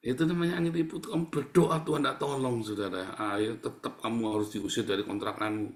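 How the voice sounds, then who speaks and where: A male pastor delivering a sermon, swinging from loud acted-out cries to soft, quiet asides. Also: medium pitch, normal speed. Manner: animated preaching, swings between loud and soft, acts out cries. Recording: echoey church hall.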